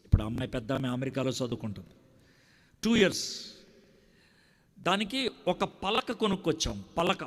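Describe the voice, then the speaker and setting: Middle-aged man, preacher, sermon, shouts then drops to a plea, highish voice, reverberant hall. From India. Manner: impassioned, swings from loud outbursts to hushed pleading.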